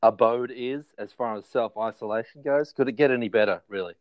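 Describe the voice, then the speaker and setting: A man's voice: mid-range voice, brisk, dull audio. An Australian man co-hosting a casual podcast chat in a laconic, easygoing way. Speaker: podcast co-host.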